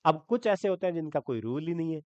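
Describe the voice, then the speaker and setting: A man's voice: on the high side, lively intonation, fast, mellow, no echo, lo-fi sound. A man teaching English grammar, explaining step by step, spelling words out letter by letter and often asking his students if they follow. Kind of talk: Hindi-language grammar lesson.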